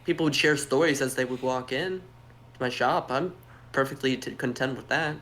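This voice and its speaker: A man's voice: medium pitch, normal speed, fairly bright tone, close to an everyday voice. A man voicing a nervous young male shopkeeper far from home, who stammers and apologizes in a tabletop role-play.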